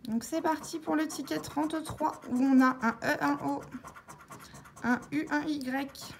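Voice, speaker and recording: Slow, methodical woman spelling letters. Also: high-pitched, steady tone, gravelly, a little hiss or hum. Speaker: scratch-card vlogger. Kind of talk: casual narration while scratching tickets. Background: scratching sounds.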